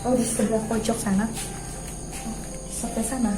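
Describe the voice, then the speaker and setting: Female night-vlog host, nervous and hesitant, slightly high voice, music clearly behind her. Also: flat delivery, normal speed, low-quality recording. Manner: nervous, hesitant, repeating words. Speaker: vlog host exploring empty houses. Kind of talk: casual night exploration vlog.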